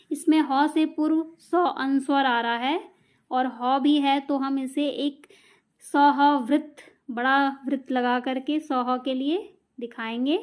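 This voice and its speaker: Woman teacher, high voice, slow and patient, explains rules step by step with examples. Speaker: shorthand teacher.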